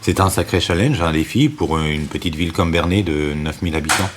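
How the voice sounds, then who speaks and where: A man interviewing a local business owner, asking friendly questions with some halting starts. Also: low voice, slight background noise.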